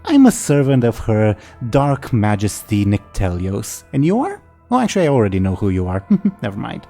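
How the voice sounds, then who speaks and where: A man's voice: on the low side, wildly swooping pitch, normal speed, warm tone, faint music behind. A man voicing a tiny, mischievous talking chicken with a small voice and impish, pixie-like teasing chatter in a tabletop game. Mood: smug, impish.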